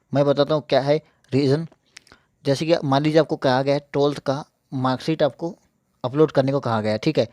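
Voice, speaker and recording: A mouth ulcer slightly hampers a young YouTube tech channel host as he leads a casual screen-share tutorial. His mid-range voice has a darkish tone, and he is repetitive, reassuring and keeps checking on listeners. The studio sound is clean with no echo.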